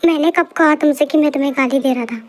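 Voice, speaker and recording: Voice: sits high, fast, close to an everyday voice. A performer voicing a teasing young man in an amateur fan dub, sarcastic and mocking. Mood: defensive. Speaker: brother.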